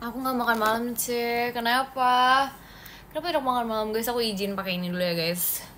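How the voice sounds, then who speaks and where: A woman's voice: fairly high pitch, steady tone, fairly quick, fairly bright tone, a little hiss or hum. A young woman from Indonesia hosting a casual phone livestream, chatting with viewers, answering comments and laughing often. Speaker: idol livestream host.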